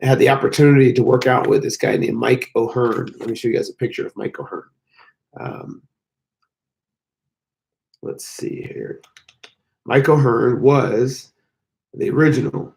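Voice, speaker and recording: An American man chatting casually on a livestream in a hotel room, his voice hoarse, strained, breaking and mostly lost from sickness. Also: fairly low pitch, darkish tone. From United States. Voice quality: hoarse, gravelly. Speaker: fitness YouTuber hosting a livestream.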